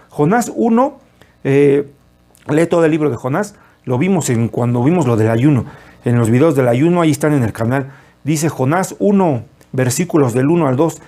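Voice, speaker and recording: A man's voice: a little high, dark tone. A man preaching an earnest, explanatory sermon to his online channel. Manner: earnest, explanatory, lists words. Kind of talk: sermon teaching.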